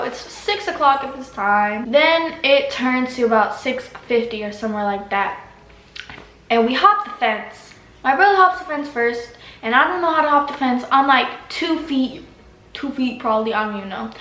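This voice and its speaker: A woman's voice: on the high side, a bit bright. A teenage girl telling a story in a casual, dramatic way, full of slang. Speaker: vlogger. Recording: echoey room, faint background hiss.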